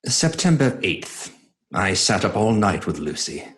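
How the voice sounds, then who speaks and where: A man playing an earnest, devoted doctor, narrating in a measured, sombre way in a horror audio drama. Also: fairly low pitch, very animated, a bit bright, soft background music.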